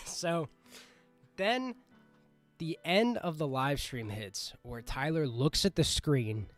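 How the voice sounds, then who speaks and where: A young man telling a rambling, excitable story in a casual vlog, swearing and mocking himself. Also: fairly high pitch, takes it slowly, faint music behind. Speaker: storytime vlogger.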